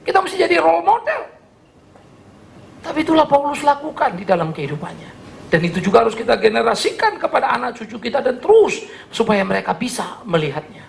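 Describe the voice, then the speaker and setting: A male pastor preaching a sermon with an Indonesian accent, earnest and animated, asking his congregation questions. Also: very high voice, quick pace, creaky, a little hiss or hum. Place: church service.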